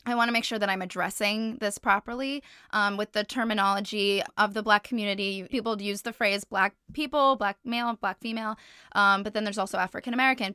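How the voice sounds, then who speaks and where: A woman's voice: medium pitch, bright, forceful tone, clean tone, no echo, studio quality. A woman interviewing a guest, asking earnest, carefully worded questions. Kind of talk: candid sit-down interview.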